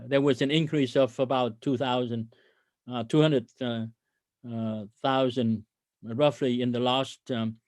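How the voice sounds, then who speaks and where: A company CEO hosts an investor conference call, presenting the corporate earnings in a mid-pitched, darkish voice. He speaks haltingly and hesitantly, often stumbling, and the audio is dry with hardly any room echo.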